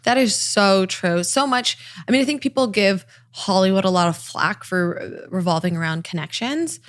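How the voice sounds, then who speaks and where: A woman with a Californian accent and a slight vocal fry, chatting casually as a podcast guest with lots of fillers. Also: medium pitch, lively intonation, normal speed. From Los Angeles. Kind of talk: casual chat.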